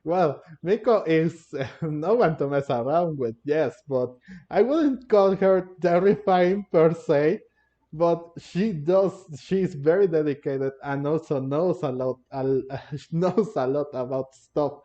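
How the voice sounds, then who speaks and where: A gaming streamer gives loose, repetitive commentary on a game he's playing, chuckling between phrases. His voice is fairly high and warm, his pace slow. The recording has a dull, muffled mic and faint game music.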